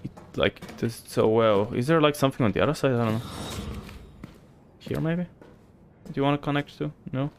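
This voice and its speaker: This Bulgarian streamer has a light accent and a mid-range, slightly mellow voice at a normal speed. He chats casually with viewers and thinks aloud while playing, over slight background noise.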